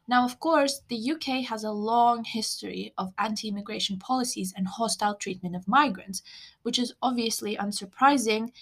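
A young woman hosting a scripted podcast, explaining in a measured way with wry asides. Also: a little high, fairly bright tone. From Lithuania. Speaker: podcast host.

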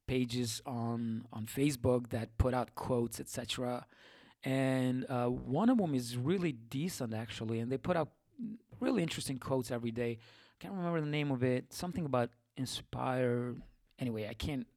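A man's voice: medium pitch, no echo. Rambling male podcast host, dry sound. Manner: rambling, lots of fillers and self-corrections; self-deprecating, reflective. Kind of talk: casual solo podcast talk.

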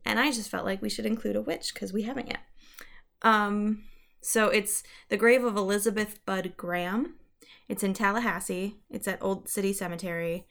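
A woman's voice: mid-range voice, steady tone, moderate pace, creaky, a bit bright. A young woman co-hosting a podcast, chatting casually through ghost stories with lots of fillers and self-corrections. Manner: chatty, many fillers and restarts, laughs at herself. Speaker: podcast co-host.

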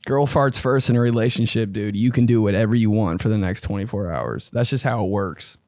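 A man's voice: on the low side, brisk, darkish tone, no room sound, clean studio sound. A man chatting casually and comically as a host giving advice, talking like a slangy, profane, blunt frat bro. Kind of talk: casual comedic chat.

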